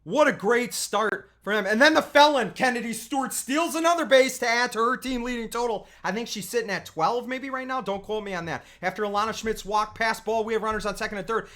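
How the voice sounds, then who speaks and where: Over game video, a youth softball coach gives loose, chatty play-by-play of the highlights, full of quick asides and self-corrections. On big plays he breaks into loud, excited cheering. His pitch is mid-range.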